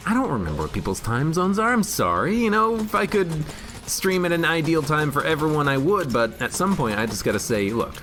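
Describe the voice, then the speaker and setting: A man's voice: on the high side, fairly bright tone. A man streaming a video game, rambling jokily through casual commentary and reading chat aloud. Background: game music.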